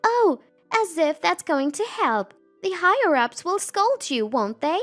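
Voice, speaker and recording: Snooty young female bank clerk, shrill and sing-song, put on by a woman narrator; mocking, crude laughter. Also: sing-song, measured pace, a bit bright, soft background music, exaggerated voice. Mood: smug mocking. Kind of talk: storytelling narration with acted quotes.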